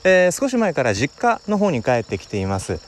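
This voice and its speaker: A man's voice: on the high side, huge pitch swings, a little fast, slight background noise. Man, podcast host, swooping melodic voice, explanatory, thinking aloud, faint crickets behind. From Wakayama, Japan. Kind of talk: casual solo talk. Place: at his family home.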